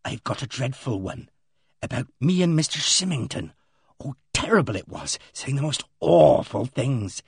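A man voicing a simpering, gossipy middle-aged female office clerk, speaking slowly in a breathy, sibilant way. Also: medium pitch, sing-song, no echo, clean studio sound, exaggerated voice. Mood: prim, relishing.

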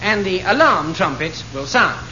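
Proud inventor type, played by an actor, deadpan comedy demonstration, swooping intonation, very noisy recording. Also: medium pitch, a little slow, natural voice. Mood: earnest, pleased. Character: proud demonstrator of absurd anti-theft gadget. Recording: dull, lo-fi, loud noise.

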